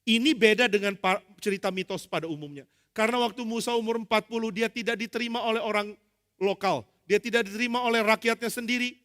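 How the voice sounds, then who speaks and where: A male pastor preaching a lively sermon, acting out dialogue with humor. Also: high-pitched, quick pace. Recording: long hall reverb.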